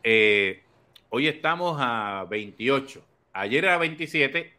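A Puerto Rican man hosting a podcast, telling stories in animated casual political chat and laughing often. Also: medium pitch, slow. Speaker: podcast host.

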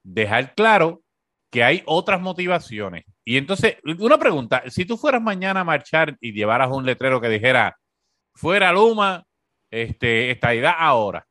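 Animated Puerto Rican man talking politics. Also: medium pitch, normal speed, no room sound, clean studio sound. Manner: animated, sarcastic, many fillers. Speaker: talk show host. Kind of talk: casual political commentary.

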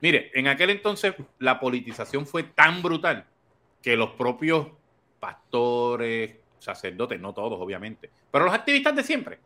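A Puerto Rican man hosting a podcast, telling stories in animated casual political chat and laughing often. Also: medium pitch, unhurried. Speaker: podcast host.

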